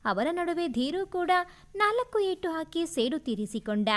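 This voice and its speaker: A woman's voice: very high voice, sing-song, measured pace. A woman narrating a dramatic family love story in a storytelling style.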